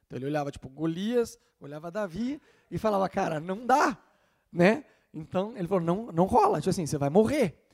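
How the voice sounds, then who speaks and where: A man delivers a relaxed, chatty sermon, voicing the people in his story as he goes. His voice sits high but sounds warm and mellow. He talks like he is telling a friend a story. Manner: lively, acts out dialogue in quick voices. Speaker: preacher.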